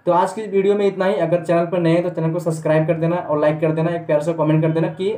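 Man, casual lesson, repetitive, slightly high voice, echoey room. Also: little pitch movement, fast, dark tone. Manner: repetitive, reassuring, many restarts. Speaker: YouTube teacher.

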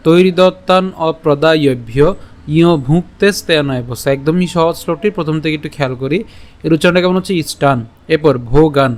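Man teaching verse pronunciation, slightly high. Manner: breaks words into syllables slowly, asks rhetorical checks. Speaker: Sanskrit recitation teacher. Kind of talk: online lesson on verse pronunciation.

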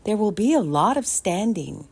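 A woman voicing a patient, gently firm mother in a read-aloud picture book, calm and measured. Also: medium pitch, husky, pitched above the performer's own voice. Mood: gentle firm. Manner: calm, measured, kindly insistent.

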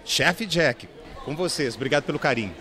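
A man, a film producer, giving steady promotional interview answers outdoors at a premiere. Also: a little high, brisk. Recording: crowd noise behind.

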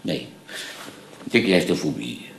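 An actor playing a fussy, excitable man in a sitcom, his voice swinging from hushed to loud. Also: very deep voice, measured pace, vocal fry, reverberant, full character voice. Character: fussy, long-winded man named Faber. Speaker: sitcom character. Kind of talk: sitcom acting.

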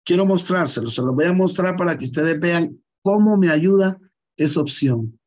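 A man teaching an office software class live, walking students through each step on screen and checking often that they follow along. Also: fairly high pitch, lively intonation, normal speed, rough recording. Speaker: computer skills teacher. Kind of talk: live online class, explaining screen steps.

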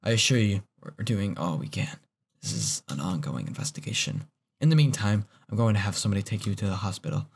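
A man reading out a police officer's lines from a horror game, low and subdued. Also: expressive, brisk, slightly rough. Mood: solemn. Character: grave male police officer.

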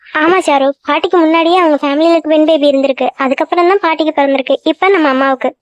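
A woman's voice: high-pitched, fairly even intonation, quick pace, dry recording. A woman voicing all the village women and girls in a family cartoon, in chatty, emotional talk. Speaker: cartoon voice artist. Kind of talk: one voice for every cartoon figure. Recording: dull dry sound.

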